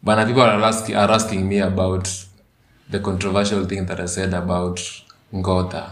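A man with a Kenyan accent hosting a podcast in casual, slangy chat, often repeating words. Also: low voice. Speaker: podcast and radio host. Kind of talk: casual chat mixing English and Swahili slang. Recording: roomy echo.

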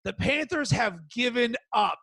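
A man's voice: very high-pitched, expressive, a little slow, bright, forceful tone, breathy edge, dry recording. A man hosting a sports betting podcast solo, with an emphatic, punchy delivery and stretched-out words. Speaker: podcast host.

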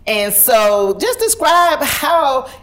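A woman's voice: high-pitched, big pitch swings, very slow, fairly bright tone. A woman hosting an interview show, upbeat and encouraging, often chiming in with agreement. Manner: enthusiastic, affirming interjections. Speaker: host. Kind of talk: casual interview.

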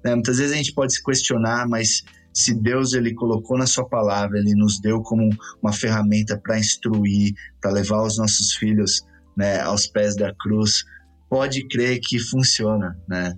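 A Brazilian man co-hosting a faith podcast, reflecting in a measured way and often adding "né". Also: on the low side, fairly even intonation, faint music behind. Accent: Brazilian Portuguese. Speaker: podcast co-host.

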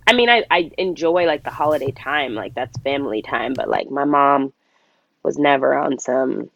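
A woman's voice: sits low, dry recording, muffled recording. A woman chatting casually as a podcast co-host, slangy and playfully argumentative, speaking while sick. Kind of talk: casual chat.

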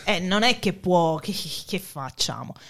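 Lower-pitched woman explaining, talk-show chat. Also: gravelly. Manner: lively, explanatory, quick to agree. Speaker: podcast co-host. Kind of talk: casual discussion.

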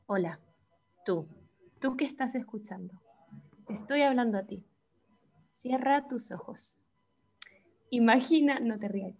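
Brief: hushed, slow hypnotic guide, a Chilean woman putting it on, mock meditation, quiet and drawn out. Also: a little high, soft background music. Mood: coaxing. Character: soft hypnotic woman guiding a daydream.

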